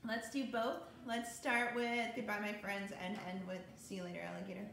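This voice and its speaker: A woman music therapist leading a sung lesson for children, cheerful and gentle as she sings and talks to the kids. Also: medium pitch, level tone, normal speed, creaky. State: voice tiring from singing. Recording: very echoey room with guitar.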